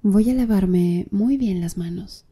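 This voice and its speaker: A slow-talking, flirtatious tattoo artist with a medium-pitched, dark, mellow voice is the character a woman plays in this ASMR roleplay. She teases her client softly and breathily, with easy confidence and little laughs.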